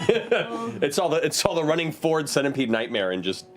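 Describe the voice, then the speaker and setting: A man's voice: a little high, very animated, moderate pace, crowd noise. A man running a tabletop game, narrating the action with frequent laughter. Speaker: game master.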